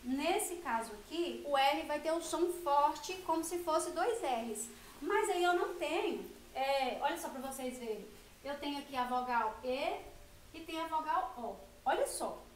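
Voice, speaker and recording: Brazilian teacher, woman, high voice, patient and explanatory, echoey room with faint hiss. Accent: Brazilian Portuguese. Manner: patient, explanatory, stresses example sounds slowly. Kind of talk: children's grammar lesson.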